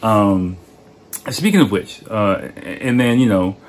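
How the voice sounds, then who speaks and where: A man's voice: lowish voice, expressive, slow pace, slight background noise. A man hosting a podcast, telling a story in a loose, rambling way with lots of "like" and "you know" and frequent laughter. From United States. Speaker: podcast host.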